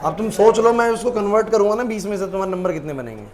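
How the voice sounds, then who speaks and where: A man's voice: high voice, lively intonation, very fast, crowd noise. A male teacher in a classroom, urging and scolding his students. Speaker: chemistry teacher.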